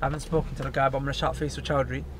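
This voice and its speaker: Fast-talking London roadman, slangy and emphatic. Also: medium pitch, flat delivery, noisy background. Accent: London, urban roadman slang. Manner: emphatic, repetitive, slangy street talk. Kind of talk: casual chat.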